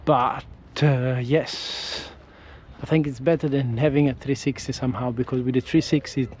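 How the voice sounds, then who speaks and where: Using an action camera with a windscreen, a man with an Italian accent, a non-native English speaker, vlogs casually during an outdoor walk. He speaks at a moderate pace in a steady, mid-range voice with a darkish tone, hesitant and often restarting or correcting himself, over a little hiss or hum.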